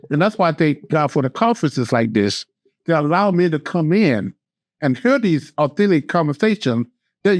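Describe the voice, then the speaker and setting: A man's voice: a little high, a little mellow, dry recording. A man hosting a conversational talk show, a therapist telling stories earnestly, often restarting and repeating himself. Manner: earnest storytelling, restarts and repetitions. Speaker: host, therapist. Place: podcast studio.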